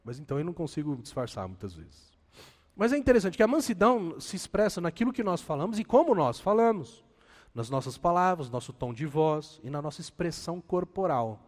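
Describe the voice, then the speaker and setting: Animated Brazilian man preaching in a hall. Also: a little high, brisk. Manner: animated preaching with self-deprecating humor. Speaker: pastor. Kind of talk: sermon.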